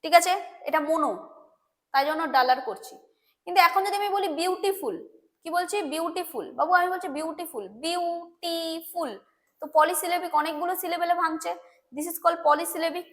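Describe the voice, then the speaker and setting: A woman's voice: extremely high pitch, a little fast. A woman with a Bengali accent teaching English grammar for an exam, explaining patiently, repeating points and often checking that students understand. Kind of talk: exam-prep grammar lesson.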